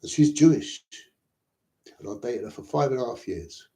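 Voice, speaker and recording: A middle-aged Lebanese vlogger delivers a rambling personal monologue, agitated, repeating himself and swearing often. His medium-pitched voice has a dark tone and lively intonation at a moderate pace, recorded in an echoey room.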